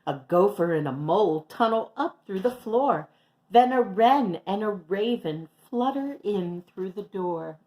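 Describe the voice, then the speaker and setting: A woman reading a children's picture book aloud as storyteller, with slow, very expressive delivery. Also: medium pitch.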